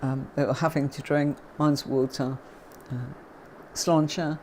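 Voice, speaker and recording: A middle-aged woman with a notably low voice hosts a tarot live stream. She chats in a relaxed, grateful way and greets her followers by name. A faint background noise sits under her voice. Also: measured pace. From father is Irish. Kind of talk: casual live-stream chat with viewers.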